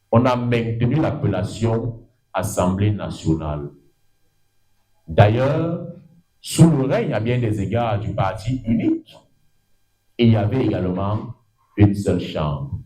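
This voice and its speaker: This rough recording captures a middle-aged, Cameroonian French-accented man lecturing on law at a university, in a lecture room. His delivery is animated and wandering, with words stretched out and sudden pitch jumps for emphasis.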